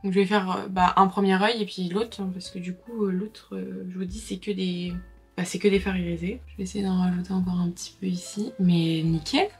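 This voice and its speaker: A woman's voice: medium pitch, fairly even intonation, fairly quick, darkish tone, slightly rough. A young woman chatting casually to her viewers while doing her makeup, full of fillers and asides. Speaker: makeup vlogger. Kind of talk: casual makeup tutorial chat. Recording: faint background music.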